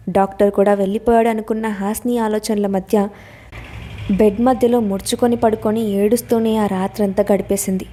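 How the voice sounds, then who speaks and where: A woman narrates a dramatic story in a steady, scripted reading voice. Her tone is mellow and dark. Her pitch sits in a mid range.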